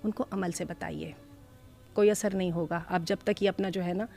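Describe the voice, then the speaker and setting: A woman in a panel discussion giving measured advice and quoting scripture. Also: lowish voice, fairly even intonation, creaky, darkish tone, soft background music. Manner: measured, quotes scripture while advising. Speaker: panel guest.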